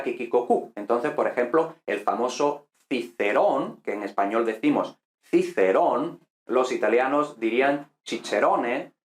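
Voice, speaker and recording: A man from teaching a casual online Latin lesson, explaining step by step with fillers and quick tag questions. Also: mid-range voice, reverberant.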